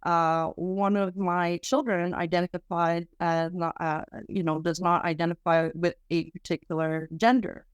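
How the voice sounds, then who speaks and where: Quebec woman, earnest halting speech. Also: lowish voice, flat delivery, clear, resonant tone, dry recording, clean studio sound. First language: French. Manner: earnest, halting with many restarts. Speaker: research center director. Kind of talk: podcast interview.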